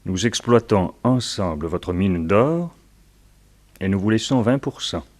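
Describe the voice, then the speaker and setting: A suave actor plays a calm, menacing villain in a French radio serial, his measured delivery mock-polite. His voice sits on the low side, and he sounds smug and composed.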